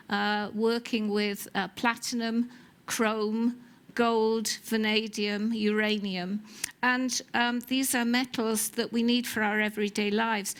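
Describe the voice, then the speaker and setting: A woman with a Welsh accent, a geology professor explaining her work in a TV interview, pausing often with um and uh. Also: a little high, a bit bright. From Wales. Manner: explanatory, with many um and uh hesitations. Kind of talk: TV studio interview.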